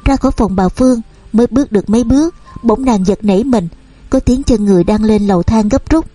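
Mellow woman narrating a story. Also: on the high side, a little fast, breathy edge, no room sound, soft background music. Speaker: audiobook narrator.

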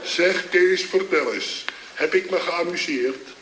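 Hungover man on a phone call: groggy, fumbling, laughing at himself; slightly high voice, roomy old recording. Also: takes it slowly. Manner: fumbling, rambling, chuckling. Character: hungover man phoning his drinking buddy. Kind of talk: comedy sketch on the phone. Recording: old echoey recording with loud hiss.

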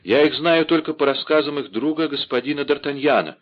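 A man's voice: on the high side, brisk, pitched above the performer's own voice, natural voice. A man voicing a cunning, scheming noblewoman in a theatrical audiobook reading, on a dull lo-fi recording.

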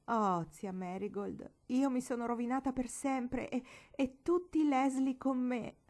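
A woman's voice: a little high, steady tone, measured pace, darkish tone, voice pushed up, lightly acted. A woman reading aloud voices a small tearful girl, pleading and breathless in a storybook reading.

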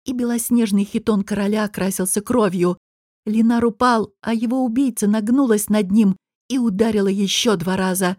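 Woman narrator, slightly high voice, slow measured reading, dry close sound. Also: a little mellow, no room sound. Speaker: audiobook narrator. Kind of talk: scripted narration.

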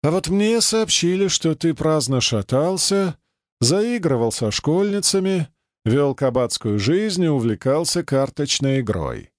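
Man doing playful young woman soldier, teasing, lively lilt, dry close sound. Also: on the high side, measured pace, dry recording, voice pushed up. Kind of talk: audiobook character voice.

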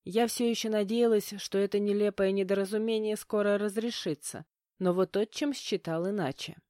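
A woman narrating a first-person audiobook with a steady, measured reading. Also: medium pitch, no echo, clean studio sound.

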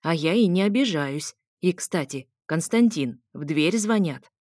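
Woman doing an imperious old lady, slow, cold, commanding, lowered dry voice. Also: animated, darkish tone, no room sound. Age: older. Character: haughty, imperious old grandmother, lady of the house.

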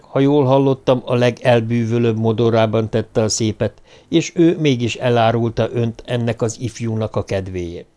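A cold imperial officer speaks in calm, measured and coolly polite tones, as a male audiobook reader plays him. He holds an average male pitch and never raises his voice. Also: natural voice. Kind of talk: audiobook character reading.

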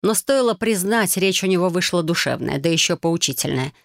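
A woman narrating a first-person fantasy audiobook with a lively, expressive storytelling reading. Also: lowish voice, a little fast, creaky, dry recording, clean studio sound.

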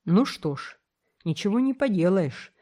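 Woman voicing an older man, gold digger, stern, curt commands, gruff, mellow storybook voice. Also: mid-range voice, sing-song, unhurried.

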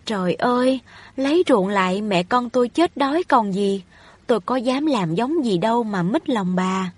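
A woman's voice: on the high side, lively intonation, normal speed, darkish tone, breathy edge, dry recording. Woman reading as a pleading poor widow. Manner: pleading, anxious. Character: poor widowed peasant mother, humble and pleading. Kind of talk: audiobook reading of a novel.

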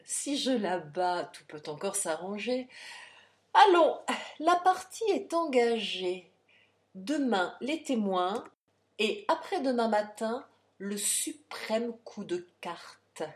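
A woman's voice: mid-range voice, big pitch swings, slow. A woman reading aloud, voicing an arrogant, insolent male count with a biting, haughty manner. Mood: cool scheming.

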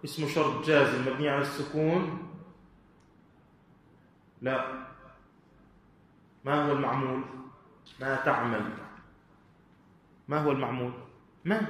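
A man teaching Arabic grammar to a class, speaking slowly and deliberately and putting questions to his students. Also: fairly high pitch, a bit bright. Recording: echoey hall with faint room noise.

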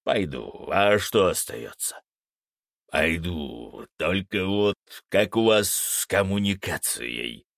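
A man voicing a gruff old male werewolf in an audiobook, with a slow, growling, suspicious way of talking. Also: low-pitched, big pitch swings, a bit bright, no echo, studio quality, exaggerated voice. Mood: wary. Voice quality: gravelly, growling. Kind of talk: audiobook character voice.

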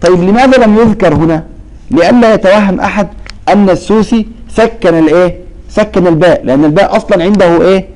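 A man teaches a Quran recitation lesson, explaining it with recited verses, asking questions he then answers himself and calling students by name. His voice sits high and is a little mellow, he talks fast, and the recording is rough.

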